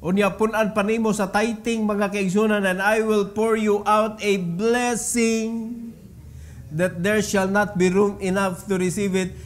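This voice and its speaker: A man's voice: sits high, level tone, unhurried. A man with a Filipino accent preaching a sermon as pastor, mixing Cebuano and English, reading scripture emphatically and putting questions to the congregation.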